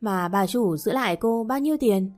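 A curt, impatient young man fires off short, blunt questions and scolds without softening anything. A woman narrator voices him with little change from her own voice. Soft music sits quietly behind. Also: sits high, lively intonation, normal speed.

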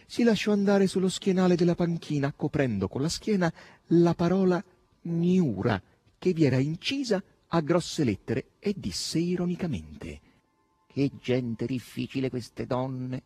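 Theatrical man narrating a novel, husky. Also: on the high side, very animated, moderate pace, warm tone, dry recording. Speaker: audiobook reader. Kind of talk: literary audiobook narration.

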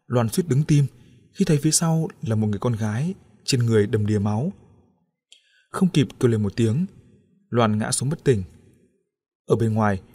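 A man narrating a ghost story for an audiobook in a steady storytelling manner. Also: mid-range voice, slightly rough.

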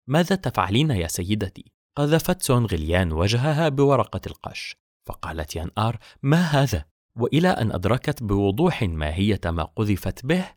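Low-voiced, lively male audiobook narrator. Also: no echo, clean studio sound. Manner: expressive storytelling, acts out each character. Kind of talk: scripted novel narration.

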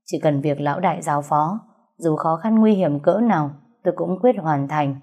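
A woman reading an audiobook, voicing a ruthless young male gangster who speaks flatly and without care. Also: sits low, normal speed, husky. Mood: cold. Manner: flat, even, unbothered delivery.

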